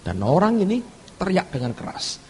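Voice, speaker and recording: A male pastor preaching a sermon, telling a story with animated delivery and often addressing the congregation directly. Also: high voice, moderate pace, husky. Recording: echoey church hall.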